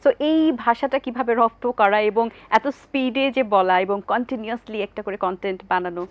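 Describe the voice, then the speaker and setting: A woman hosting a television talk show who asks her guests questions politely, pausing on drawn-out hesitations. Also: on the high side, no room sound. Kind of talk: TV interview questions.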